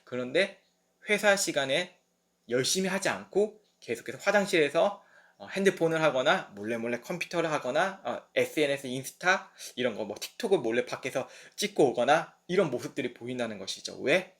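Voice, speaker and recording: A young man preaching at a midweek service, telling the story with lively, acted-out asides. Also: medium pitch, a little fast. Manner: lively storytelling that acts out quoted voices. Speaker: pastor.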